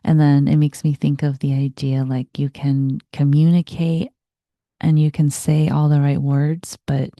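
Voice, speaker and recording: A woman sharing reflective spiritual self-help thoughts as host, in a soft, breathy voice that often trails toward a whisper. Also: low voice, dry recording, lo-fi sound. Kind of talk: reflective spiritual self-help talk, part reading aloud.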